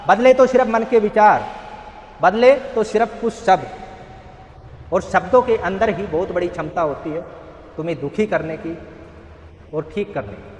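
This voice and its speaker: A man's voice: high-pitched, moderate pace, long pauses, a little hiss or hum. A man giving an earnest motivational talk at a rehab center, telling a parable and asking rhetorical questions. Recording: echoey hall.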